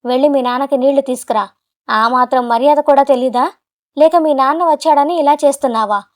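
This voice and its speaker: A contemptuous, hot-tempered young husband barks his words fast and loud, as a woman narrator puts him on. The voice sits high and light for a man, with a storybook reading feel. He sounds scornful and short-fused throughout. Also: natural voice. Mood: scornful shouting. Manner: shouting, contemptuous, rapid.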